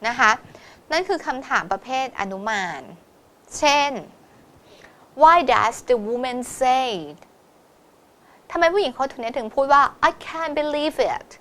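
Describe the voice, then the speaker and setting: A woman teaching a test-prep lesson, explaining in Thai and reading English exam lines slowly. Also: sits high, expressive, fairly bright tone, smooth.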